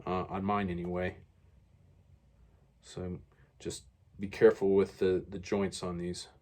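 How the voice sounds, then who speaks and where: Male toy reviewer, slightly low voice, casual and rambling, self-correcting. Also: level tone, unhurried, a little mellow.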